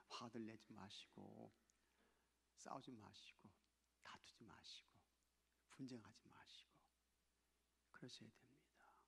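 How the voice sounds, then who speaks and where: Male pastor, gravelly voice, preaching in a church, shifts between loud exhortation and hushed whispers. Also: lowish voice, fairly even intonation, takes it slowly, long pauses, slight background noise. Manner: exhorting congregation, drops to near-whisper for emphasis. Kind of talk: sermon. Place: church sanctuary.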